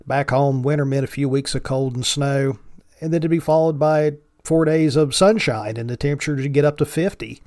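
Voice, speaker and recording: A man's voice: medium pitch, fairly even intonation, fairly quick, darkish tone, no room sound. A man with a thick Appalachian accent, hosting a solo podcast in a folksy way with wry, dry humor. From mountains of Virginia, United States. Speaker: podcast host.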